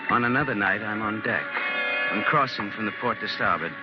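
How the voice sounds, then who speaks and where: In an old-time radio drama, a male actor with a lowish, brisk, near-everyday voice plays a haunted, fearful fugitive hiding among sailors. His first-person narration is hesitant, troubled, and confessional, with a brooding mood, heard through a muffled vintage recording with loud music.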